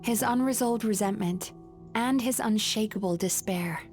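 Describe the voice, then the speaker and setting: A woman voicing a calm, resolute young nightmare eater in a video game, speaking in an earnest, explanatory way. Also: mid-range voice, normal speed, natural voice. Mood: solemn, explaining. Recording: game music behind.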